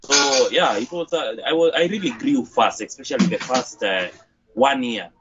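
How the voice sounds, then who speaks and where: A young Kenyan man with a Kenyan accent, talking haltingly in a casual interview over a headset on a video call. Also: mid-range voice, music in the background. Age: young adult. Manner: halting, with many fillers and restarts. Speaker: interview guest, gym owner. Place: outdoors by a corrugated metal wall. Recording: dull lo-fi video-call audio with faint noise.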